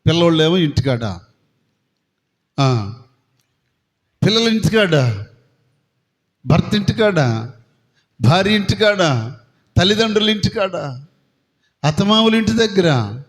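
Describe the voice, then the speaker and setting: A man's voice: sits high, very animated, slow, long pauses. A man preaching a sermon to a congregation. He asks them questions and acts out voices from the story. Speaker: pastor. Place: prayer hall. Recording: long hall reverb.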